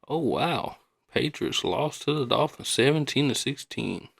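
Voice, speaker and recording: A man's voice: medium pitch, expressive, measured pace, gravelly, fairly bright tone, slightly rough. A man hosting a podcast in a casual, rambling, colloquial way, often repeating himself. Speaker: podcast host.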